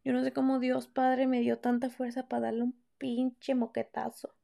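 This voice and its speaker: High, gravelly Mexican woman podcaster. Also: monotone, normal speed, dark tone. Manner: candid, slangy and profane, acts out quoted lines. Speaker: podcast host. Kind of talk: casual storytelling chat.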